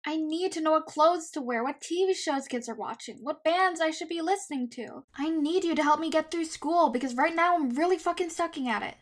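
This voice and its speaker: A woman acting as a young girl vigilante in a comic dub. Her voice is high, and she talks in a blunt, confident, bossy and foul-mouthed way. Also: brisk, few pauses, lightly acted. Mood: earnest, bossy. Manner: confident, blunt, matter-of-fact.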